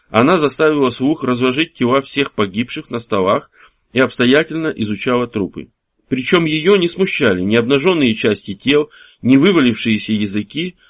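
A male audiobook narrator who reads in a measured, even way. His voice sits at an ordinary middle pitch. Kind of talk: scripted narration.

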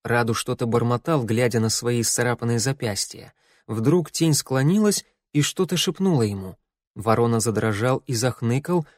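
A man reading a fantasy audiobook as narrator in a steady, measured way. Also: medium pitch, no room sound, studio quality. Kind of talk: scripted narration.

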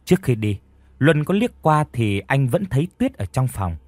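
A man narrates a scripted horror story with dramatic, animated pitch. His voice is husky and close and dry, with soft music underneath. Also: moderate pace, dry recording.

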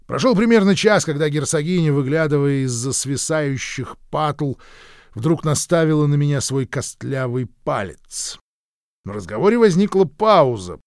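A man reading a first-person literary story aloud in a measured, gruff manner, close to the mic. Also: fairly high pitch, lively intonation, no echo. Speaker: audiobook narrator.

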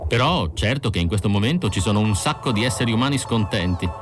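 A man's voice: lowish voice, expressive, fast, music in the background, close to an everyday voice. A man voicing a cool, detached android woman.

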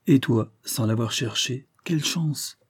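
A man voicing an exuberant young male friend who gushes with excited exclamations. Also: medium pitch, a little slow, husky.

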